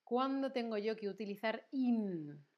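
A woman's voice: on the high side, expressive, a little slow, dull audio, a little hiss or hum. A woman teaching grammar in a livestream lesson, patient and repeating words to drill them. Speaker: Spanish teacher.

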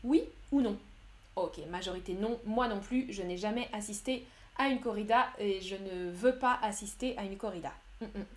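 A young woman teaching French on a live stream, speaking slowly and clearly, explaining words with simpler synonyms and answering viewers' chat. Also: medium pitch. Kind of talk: live-streamed language lesson, reading chat.

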